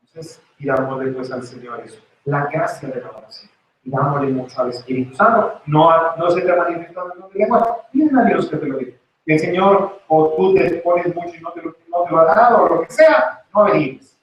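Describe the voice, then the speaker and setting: A man preaching a lively sermon and acting out the voices in the story. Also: on the high side, a little fast, dull audio. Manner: animated, acts out voices in the story. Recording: very echoey church recording from far off.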